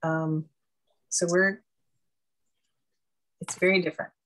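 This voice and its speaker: Low-voiced woman on a video call. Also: level tone, slow, fairly bright tone, low-quality recording. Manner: hesitant, filler-heavy explaining. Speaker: member of another radio club. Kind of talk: casual video call chat.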